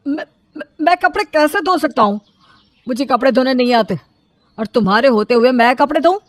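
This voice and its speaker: A woman voicing an indignant, lonely widowed man in an animated storybook, complaining about being neglected. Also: high voice, fairly quick, dry recording. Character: aggrieved lonely widowed elder brother-in-law, man.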